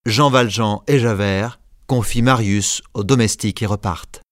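Low-pitched man reading a storybook audiobook, measured and clear, dry close mic. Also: fairly even intonation, dry recording. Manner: measured storytelling, voices characters lightly. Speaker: narrator. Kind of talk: scripted narration.

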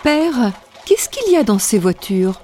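Cosette, a soft lovestruck young woman, voiced by a man. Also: sing-song, unhurried, exaggerated voice. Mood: wondering. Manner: high, soft girlish voice put on by a reader. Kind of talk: dramatized reading of a classic novel.

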